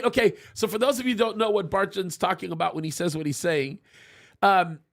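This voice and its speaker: Hosting his live stream show, this high-pitched man from Egypt keeps things casual while reading out what viewers write. His delivery is lively and full of laughter, with frequent sentence restarts.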